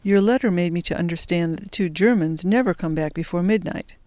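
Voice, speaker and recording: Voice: mid-range voice, darkish tone, no echo, lightly acted. A reader voicing a bold young resistance fighter. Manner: brisk, determined. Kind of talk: audiobook character voice.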